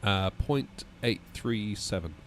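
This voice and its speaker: A man talking into a cockpit headset mic as a simulator pilot, reading back radio calls in clipped, calm aviation phrasing. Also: fairly low pitch, slow pace, a little hiss or hum. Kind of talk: pilot radio calls and casual streaming chat.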